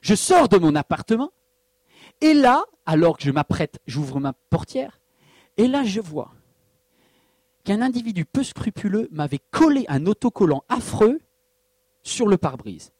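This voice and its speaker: Male pastor, sermon delivery; lively, swooping intonation, slightly high voice, dry close recording. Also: unhurried, long pauses, no room sound. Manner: animated preaching with personal anecdotes, rhetorical questions and acted quotes.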